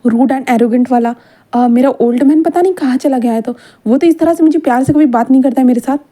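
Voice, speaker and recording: A woman's voice: sits high, a little fast, warm tone. A woman voicing a flustered, stubborn young man in a read-aloud fan story, protesting and stammering.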